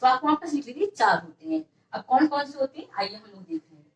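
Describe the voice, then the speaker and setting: A woman's voice: sits high, animated, brisk, roomy sound, far from the mic, poor audio. A woman teaching an exam-prep grammar lesson, repeating each question and answering it herself.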